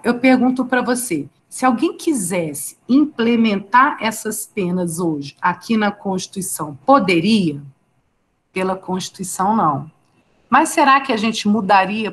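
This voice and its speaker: An animated Brazilian woman with a mid-range, fairly bright voice teaches a live online law class at an unhurried pace. She speaks conversationally, asks her students questions and answers them by name from the chat.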